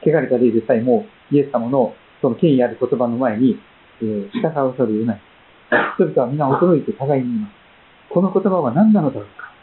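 A man from Japan gives a sermon as pastor, in a measured, gentle voice that pauses often and fills gaps with soft fillers. His pitch sits at a middling level for a man. The sound is narrow and tinny, like a phone line. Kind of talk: sermon with Bible reading and prayer.

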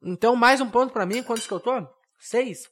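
A young man hosting a comedic solo podcast, rambling and mocking himself in a deadpan way. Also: very high voice, a little fast. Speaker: podcast host.

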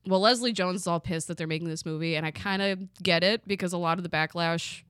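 A woman's voice: on the low side, fast, clear, resonant tone, no echo. A young adult woman co-hosting a podcast, talking in a casual chat and ranting bluntly with lots of swearing. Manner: blunt, swears freely, animated rants. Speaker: podcast co-host.

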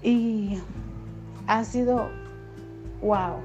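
A woman from the Dominican Republic with a softened Dominican accent, hosting a podcast in an encouraging, chatty way with frequent fillers. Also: a little high, fairly even intonation, drawn-out words, over music. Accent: Dominican Spanish, softened toward neutral. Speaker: podcast host and radio announcer. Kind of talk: casual motivational podcast talk.

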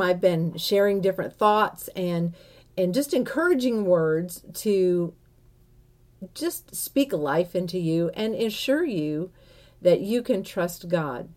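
Woman, prayer series host, very slow delivery, earnest, gentle pauses, slightly low voice. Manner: earnest and unhurried, with soft pauses and restarts. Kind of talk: slow, gentle spoken introduction.

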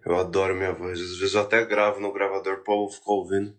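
A man putting on a low, husky, seductive voice of a man in love with his own voice. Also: level tone, fast, natural voice. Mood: sultry. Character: seductive deep-voiced man admiring himself.

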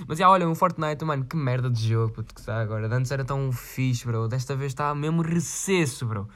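A man's voice: medium pitch, brisk, fairly bright tone. A man with a European Portuguese accent, chatting casually in a vlog and reading out viewer requests in a rambling, slangy way with frequent swearing. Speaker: vlogger.

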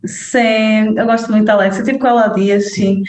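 Speaking in a mid-range voice, this young woman from northern Portugal is a relaxed interview guest. She's animated, leans on fillers, and keeps checking in with the listener, all against a roomy echo.

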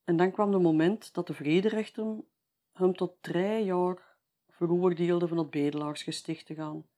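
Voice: mid-range voice, fairly even intonation, normal speed, dark tone. Chatty Flemish storyteller. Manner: chatty, tags sentences with "hè". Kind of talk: folksy oral storytelling.

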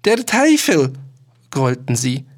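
A man voicing a chorus of fretful little old men who shriek and curse in a shrill, panicky way. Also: measured pace, natural voice. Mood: shocked.

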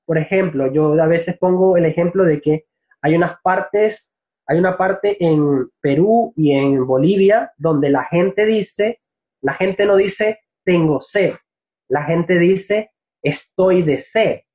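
A man from Venezuela with a high voice talks about teaching Spanish in a relaxed interview. He is reflective, often pauses to find the right word, and laughs easily. The recording is dull and lo-fi. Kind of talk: casual interview answers.

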